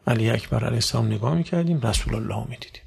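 A man preaching a sermon to a religious gathering, asking rhetorical questions and rising sharply in pitch and volume. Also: vocal fry, breathy edge. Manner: rhetorical questions, sudden loud rises in pitch.

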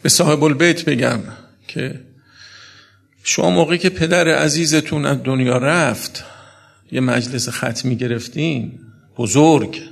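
Gravelly husky male preacher. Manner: builds to high sobbing wails, speaks to the audience directly. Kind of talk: mourning sermon.

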